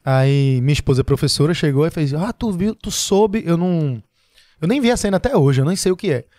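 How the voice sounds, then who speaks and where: A man from Brazil telling stories on a podcast, acting out each line of dialogue. His voice is a bit high. The sound is dry and close. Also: animated, a little fast, warm tone, no echo. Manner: anecdotal, acts out dialogue. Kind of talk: casual chat, storytelling.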